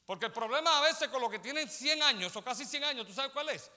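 A man's voice: very high voice, animated, fast, sharp tone, big-room sound. A man preaching a sermon as pastor, often turning to his listeners to ask if they follow. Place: church sanctuary.

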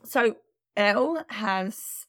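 A woman's voice: medium pitch, animated, drawn-out words, a bit bright, no echo, clean studio sound. A woman co-hosting a podcast in casual chat, chatty and self-deprecating, with a bunged-up nose. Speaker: podcast co-host.

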